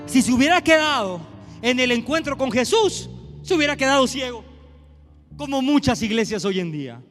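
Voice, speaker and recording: Pastor, male, very high bright voice, preaching in a reverberant hall with soft music under it. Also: big pitch swings, moderate pace. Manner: swings from hushed asides to shouted preaching. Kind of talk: sermon. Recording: long hall reverb, faint music behind.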